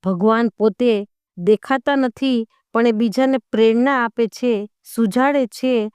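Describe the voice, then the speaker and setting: A woman's voice: fairly high pitch, slow pace, darkish tone, clean tone, no echo, clean studio sound. A woman voicing a kind elderly neighbor woman, speaking tenderly to a child. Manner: tender, reassuring.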